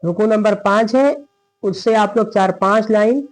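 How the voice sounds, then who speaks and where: A man teaching Quran reading in an online lesson, patiently asking and answering his own questions and slowly drawing out the verses he recites. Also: high voice, low-quality recording. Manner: slow drawn-out chanting of verses.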